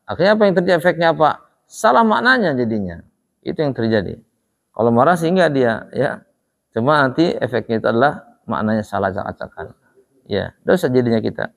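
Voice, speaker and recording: A man's voice: mid-range voice, in a large hall. A man teaching a Quran recitation class, who asks his students questions and answers them himself. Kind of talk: classroom lesson with call-and-response questions.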